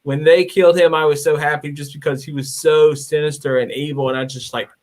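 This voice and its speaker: A man co-hosting a casual live stream, excitable and full of exclamations. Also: on the high side, a little fast.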